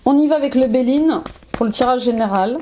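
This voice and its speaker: A woman's voice: on the high side, brisk, mellow, slight background noise. A woman life coach reading tarot cards for her viewers, encouraging and repeating affirmations, with frequent fillers and bursts of enthusiasm. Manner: enthusiastic, exclaims often.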